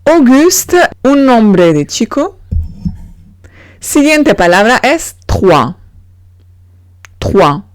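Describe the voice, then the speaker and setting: Slow, patient woman teaching. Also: a little high, very animated, dry recording, studio quality. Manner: spells out letters slowly and patiently. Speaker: French teacher. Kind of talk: beginner pronunciation lesson.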